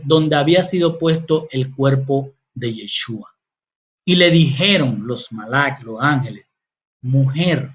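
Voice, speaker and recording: A man giving a Bible study sermon, reading scripture aloud and commenting on it. He repeats key phrases and speaks directly to his listeners. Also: high-pitched. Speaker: Bible teacher. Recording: dull, lo-fi recording.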